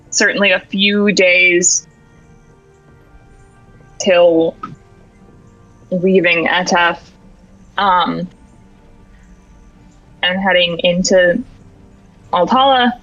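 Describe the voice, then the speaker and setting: A game master narrating a tabletop game, slow and unhurried, thinking aloud while planning a route. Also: female voice, medium pitch, fairly bright tone. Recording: dull lo-fi sound with faint music.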